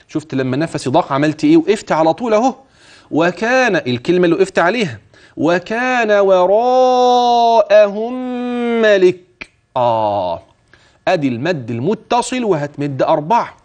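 A man with an Egyptian Arabic accent teaching Quran recitation in a TV lesson. He draws out verses slowly and melodically, then explains them in quick, chatty colloquial speech, asking and answering his own questions as if coaching a student. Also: fairly high pitch. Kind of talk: tajweed lesson for a religious TV channel.

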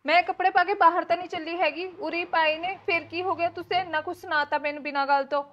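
ਇੱਕ ਔਰਤ ਪੰਜਾਬੀ ਲਘੂ ਫ਼ਿਲਮ ਵਿੱਚ ਜ਼ਿੱਦੀ, ਸ਼ਹਿਰੀ ਨੂੰਹ ਦਾ ਕਿਰਦਾਰ ਨਿਭਾ ਰਹੀ ਹੈ, ਜੋ ਜ਼ੋਰ ਦੇ ਕੇ ਸ਼ਿਕਾਇਤਾਂ ਕਰਦੀ ਹੈ।. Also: female voice, very high voice, steady tone, fast talker, muffled recording. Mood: defiant. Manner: insistent, complaining, argumentative. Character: young city-bred woman, stubborn and demanding. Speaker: new daughter-in-law. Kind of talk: Punjabi short film acting.

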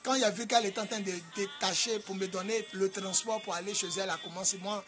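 A man with an Ivorian French accent preaching a sermon in a sing-song cadence, rising to loud shouted commands. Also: high-pitched, fairly even intonation, fast talker, music in the background. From Côte d'Ivoire. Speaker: apostle preacher.

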